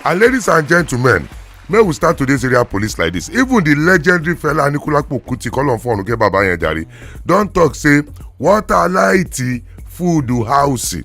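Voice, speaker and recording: Man, Nigerian accent, Pidgin-English radio host, very lively pitch, gravelly creak, theatrical and playful. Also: a little fast, hardly any pauses. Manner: playful, theatrical build-ups. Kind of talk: lively talk-show hosting.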